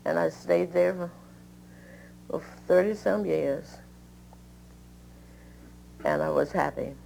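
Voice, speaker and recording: A woman's voice: on the low side, creaky, darkish tone, slight background noise, low-quality recording. An older woman, a retired schoolteacher, telling her own story in an oral history and acting out the dialogue she recalls. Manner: unhurried, acts out quoted dialogue.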